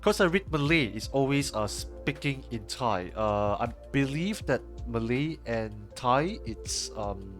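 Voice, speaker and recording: This young Singaporean-accented streamer has a mid-range, fairly bright voice with lively intonation, and he talks unhurriedly with few pauses while faint music plays behind him. Using a headset indoors at home, he rambles through viewer chat as he edits, full of fillers and restarts.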